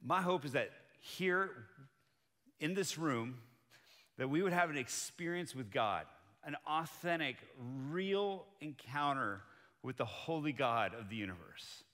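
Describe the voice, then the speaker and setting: A man preaching a sermon as pastor, earnest and building to excited emphasis, who grew up in Colombia. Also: fairly high pitch, a little slow, in a large hall.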